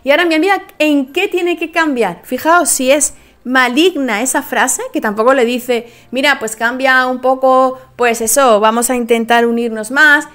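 A middle-aged woman talking casually to her viewers, telling a story with animated delivery and acting out bits of dialogue. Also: high-pitched, normal speed. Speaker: host.

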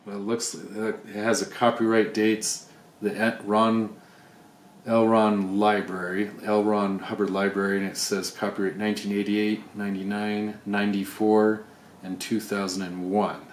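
A man with a lowish voice and flat delivery talks unhurriedly while unboxing items on camera. As a video creator, he thinks aloud with wry asides in casual commentary, recorded with roomy echo and faint background noise.

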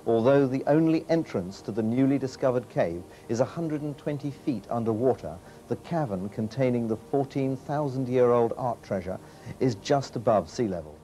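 A male reporter reads an archival news item in a crisp, practiced news-reading style. His voice is mid-pitched with a warm, mellow tone. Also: lively intonation, normal speed.

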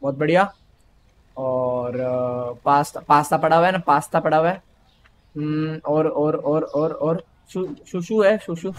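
A man's voice: on the high side, measured pace, slight background noise. A young man from India commentating a game in a casual, playful way, teasing the characters on screen. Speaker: gaming YouTuber.

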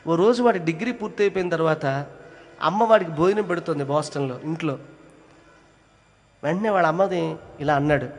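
A man telling an emotional moral story with dramatic swings between loud emphasis and hushed narration. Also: on the high side, in a large hall.

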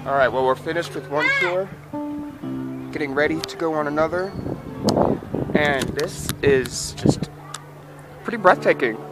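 A man in his thirties vlogging a school field trip, relaxed and easily impressed, talking into a handheld camera outdoors and in a cave. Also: a little high, a little slow, long pauses, loud music behind the voice, poor audio. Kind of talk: casual vlog narration. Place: outdoors on a mountain and inside a cave. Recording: busy crowd noise around.

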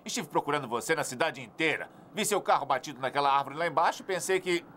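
A man's voice: fairly high pitch, expressive, fast talker, pushed and bright, slight background noise. A man dubbing a film role, playing a friendly townsman who sounds concerned. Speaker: dubbed film actor.

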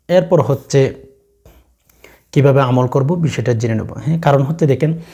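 A man with a Bangladeshi Bengali accent teaching a religious practice to viewers, speaking directly to them and reciting verses slowly and drawn out. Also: mid-range voice, dark tone.

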